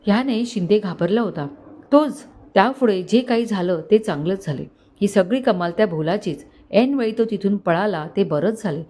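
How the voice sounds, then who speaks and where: A woman storyteller narrating a dramatic family story in an expressive, scripted reading. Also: mid-range voice.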